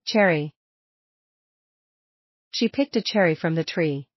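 A woman reads vocabulary words and sample sentences in a slow, carefully spaced delivery. Her voice sits on the low side for a woman. The sound is dry and a bit dull, with little room and muted highs. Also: husky, no room sound. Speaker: vocabulary reader. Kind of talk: slow scripted word-and-sentence reading.

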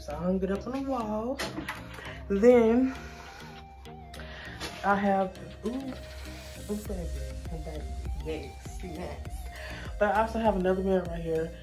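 A young woman shows off her small salon suite, filming on a handheld phone as she goes. She talks in a casual, chatty way, calling the viewers y'all, in a slightly low voice. Music plays clearly behind her. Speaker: salon suite owner and braider. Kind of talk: casual walkthrough tour. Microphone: handheld phone camera.

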